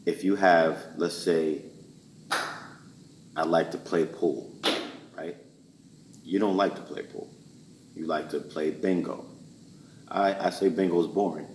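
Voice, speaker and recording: A man talking in a calm, measured way as a guest on a talk show, with a deep baritone voice. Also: distant mic, slight background noise. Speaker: guest actor. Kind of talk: casual interview chat. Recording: roomy and off-mic.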